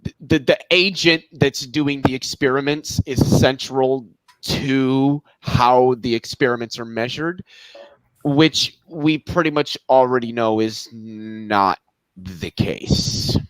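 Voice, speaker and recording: A man in a casual online panel chat, talking quickly and emphatically with frequent swearing. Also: mid-range voice, no echo, low-quality recording. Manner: rapid, profane, emphatic. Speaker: debate panelist.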